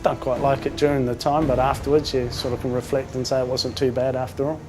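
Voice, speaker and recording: A man born in England talking casually about himself as an amateur boxer, hesitant, with many pauses and fillers. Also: mid-range voice, little pitch movement. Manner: hesitant, many ums and uhs. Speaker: amateur boxer in a charity fight. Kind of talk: casual interview talk. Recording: music playing underneath.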